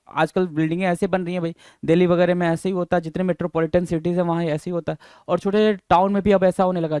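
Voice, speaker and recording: A man's voice: high-pitched, a little mellow, dry recording, studio quality. A man teaching exam vocabulary in a chatty mix of Hindi and English, repeating each word and asking his students questions. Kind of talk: Hindi-English classroom explanation.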